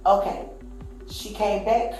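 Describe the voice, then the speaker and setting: Speaking slowly in a mellow, medium-pitched voice with fairly even intonation, a woman witness tells police a long, wandering story, performing other people's words as she quotes them. Faint music plays in a very echoey room.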